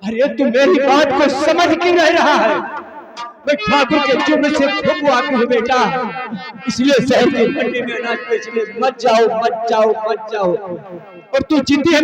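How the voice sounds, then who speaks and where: A man plays a debt-ridden farmer father, voice pitched high and pleading as he repeats warnings again and again. It is a live folk stage show. A loud crowd roars beneath every line. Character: worried aging farmer father deep in debt. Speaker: stage actor. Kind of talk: live folk theatre acting. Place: open-air folk theatre stage.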